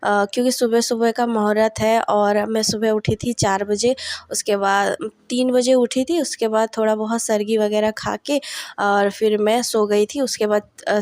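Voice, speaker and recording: A woman in her thirties from eastern India, hoarse with a cold, chatting through a casual vlog with many fillers. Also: medium pitch, a little mellow, dry recording, studio quality. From Jharkhand or Bihar, India. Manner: chatty, many fillers, addresses viewers as friends. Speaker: vlogger.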